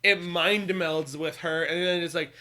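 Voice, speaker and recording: A man's voice: on the high side, fairly even intonation, a little slow, bright, forceful tone. A man co-hosting a podcast in casual chat, rambling with lots of hesitations and casual swearing. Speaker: podcast co-host.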